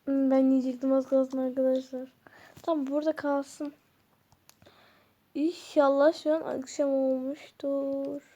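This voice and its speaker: A woman's voice: sits high, flat delivery, measured pace, warm tone, low-quality recording. A woman narrating a game to her viewers in a chatty way, groggy as if she has just woken up. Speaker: gameplay vlogger.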